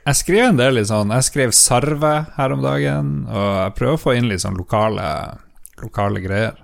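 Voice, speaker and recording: A man's voice: medium pitch, gravelly. A man from northern Norway, a journalist joking on a podcast in a laid-back, hesitant way. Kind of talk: casual chat.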